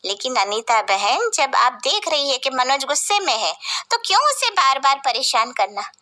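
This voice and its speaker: A meddling middle-aged neighbor woman, as a woman puts her on in a family story. She lectures in a preachy, nosy way, her voice high and bright. She sounds sure of her own opinion. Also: big pitch swings, normal speed, heavily acted.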